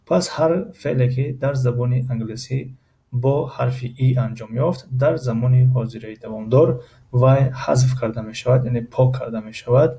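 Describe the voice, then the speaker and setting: A man with a Tajik accent explaining English grammar, pausing often with filler sounds and reading English examples slowly before translating them. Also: medium pitch, creaky, warm tone, poor audio. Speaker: English teacher.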